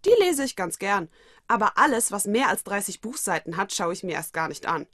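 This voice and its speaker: A woman's voice: medium pitch, very animated, brisk, a bit bright, no echo, clean studio sound. A woman voicing a grumpy, easily angered teenage schoolboy in a storybook reading. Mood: grumbling. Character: hot-tempered teenage schoolboy servant. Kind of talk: audiobook reading of fan fiction.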